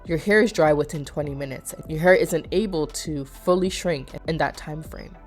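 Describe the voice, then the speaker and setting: Over soft background music, a young beauty vlogger narrates her hair vlog at a moderate pace in a low-pitched voice. Her casual voice-over is chatty and explanatory, addressed to "you guys," with a slight nasal quality from a cold.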